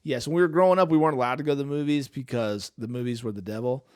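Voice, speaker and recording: Rapid-fire and a bit mellow, this medium-pitched man with a clean tone hosts a casual movie trivia game alongside his brother. He keeps it playful, chatting and quoting lines in put-on voices as he runs the quiz.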